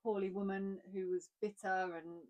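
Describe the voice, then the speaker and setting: A talkative woman with an Essex accent chats casually about acting, her pitch sitting in a middle range. She tells animated stories and laughs often. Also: normal speed, muffled recording. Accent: Essex English. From Essex, England. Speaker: podcast co-host, actor. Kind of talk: casual chat.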